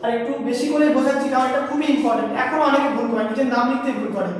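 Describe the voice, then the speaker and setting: A woman teacher giving a grammar lesson to schoolchildren in a classroom, explaining slowly and repeating herself as she spells out letters. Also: high-pitched. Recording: echoey hall, far from mic, faint noise.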